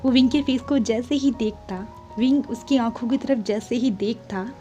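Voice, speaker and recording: A woman's voice: a little high, normal speed, warm tone, faint music behind. A woman casually retelling a fan story, chatting aside to her listeners. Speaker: fanfiction storyteller.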